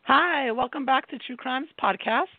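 A woman's voice: high-pitched, normal speed, no room sound. Female podcast host, mid voice, dry tinny phone-like sound. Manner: reads intros, some fillers. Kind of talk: podcast hosting.

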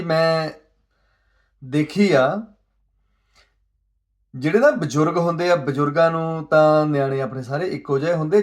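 A man giving an earnest, pleading social commentary monologue, asking rhetorical questions and moving between soft asides and raised emphasis. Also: on the high side.

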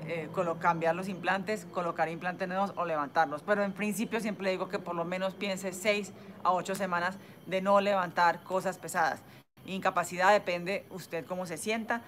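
A woman with a slightly low voice and a Caleño Colombian accent, talking as a plastic surgeon on a live stream. She explains things in a chatty way, full of diminutives. Faint room ambience sits behind her phone audio. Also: slight background noise. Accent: Caleño Colombian Spanish.

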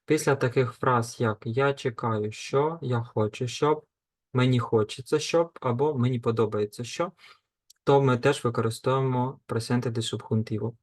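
A man teaching a grammar lesson, slowly and deliberately reading out lists of verb forms and explaining them. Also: mid-range voice, fairly even intonation. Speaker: language teacher.

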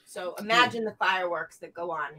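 A woman co-hosting a casual live video call, firing back quick teasing remarks. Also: on the low side, a crowd in the background, rough recording. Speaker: co-host. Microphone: video call webcam.

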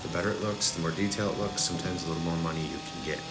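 Over loud music, a young instructor rattles off a casual voice-over on chainsaw carving cuts, his low voice rapid-fire. He stays relaxed, guiding viewers step by step through every cut.

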